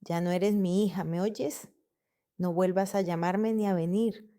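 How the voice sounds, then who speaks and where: A woman's voice: fairly low pitch, steady tone, a little slow, clean tone, natural voice. Woman reading as a furious domineering father. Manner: shouting, domineering. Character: stern older male father, furious.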